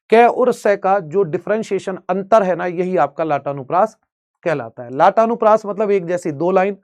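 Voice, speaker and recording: High-voiced Hindi grammar teacher. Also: male voice. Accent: Bihari Hindi. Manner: explains step by step, asks students rhetorical questions. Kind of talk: exam-prep grammar lesson.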